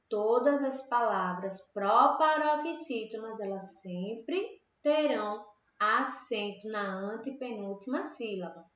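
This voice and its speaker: Brazilian woman teacher with an unhurried, patient delivery, recorded lo-fi and dull. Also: on the high side, fairly bright tone. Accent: Brazilian Portuguese. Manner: patient and explanatory, checks in with "certo?" and "tá?". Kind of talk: classroom grammar lesson. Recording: very echoey room, dull lo-fi sound.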